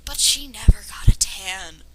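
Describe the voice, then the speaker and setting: Speaking at a measured pace in an expressive, medium-pitched voice, a woman dramatically reads fan fiction and breaks in to mock it. The asides are casual, sarcastic, nitpicky, and a little hesitant. It was recorded at home by an amateur, with plenty of noise.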